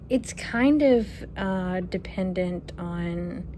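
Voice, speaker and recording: A woman in her twenties from Kentucky answering viewer questions in a casual vlog, relaxed and chatty, thinking aloud with fillers, recorded on her phone at home. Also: on the low side, extremely slow, a little hiss or hum. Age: 20s. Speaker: vlogger. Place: her apartment, indoors. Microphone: phone camera.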